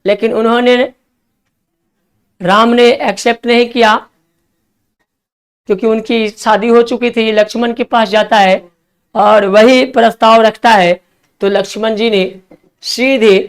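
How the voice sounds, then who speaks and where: Male vocabulary teacher, clear resonant delivery, spelling letter by letter, hurrying his class along. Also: high-pitched, fairly even intonation. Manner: spells words letter by letter, coaxing students to write fast.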